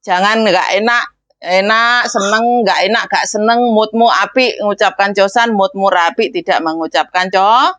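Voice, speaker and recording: A woman's voice: mid-range voice, moderate pace, a bit bright, no room sound. A woman who trains migrant domestic workers, speaking in a casual instructional way and slipping in English and Cantonese phrases. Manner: mixes in English and Cantonese phrases, playfully imitating speech.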